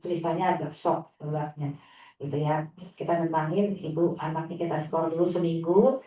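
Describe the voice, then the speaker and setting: A woman religious teacher tells an inspirational story about her students in a low-pitched voice, now and then jumping high to mimic a sulky child. She sounds far from the mic in a very echoey hall. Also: fairly even intonation, normal speed, warm tone. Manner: storytelling, acting out a child's whiny replies. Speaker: Islamic teacher. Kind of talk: inspirational sharing talk. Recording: echoey room, distant mic.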